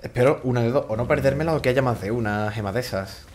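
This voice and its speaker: A man's voice: mid-range voice, quick pace, a little mellow, a little hiss or hum. A man doing casual, joking gameplay commentary, swearing freely and talking to the characters on screen. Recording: game music playing behind.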